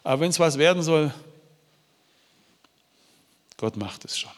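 A man's voice: on the high side, animated, slow. Heartfelt male preacher in a reverberant hall. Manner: heartfelt, pleading, with frequent restarts and stammered repeats. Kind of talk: emotional testimony and preaching.

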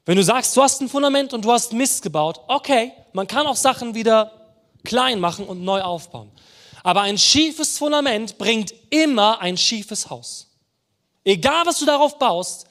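A man's voice: high voice, fairly bright tone. A man preaching a sermon in a conversational way, putting rhetorical questions to the congregation.

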